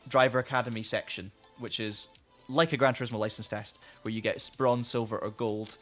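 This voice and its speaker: Male streamer, mid-pitched, casual and rambling, a bit hoarse, faint music bed. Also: fairly bright tone. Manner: rambling, friendly, many restarts. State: losing his voice. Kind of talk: casual live-stream chat.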